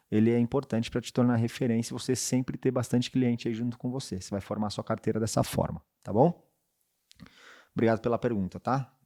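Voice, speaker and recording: A man's voice: medium pitch, dark tone. Casual man coaching salespeople. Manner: conversational, checks in with frequent tag questions. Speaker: podcast host and sales coach. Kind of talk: casual advice talk.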